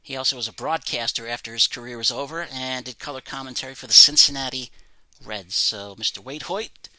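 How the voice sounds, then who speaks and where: A man's voice: medium pitch, brisk, pushed and bright, low-quality recording. A man presenting items from his autograph collection, reading facts about each in a plain, matter-of-fact way. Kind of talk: casual show-and-tell narration.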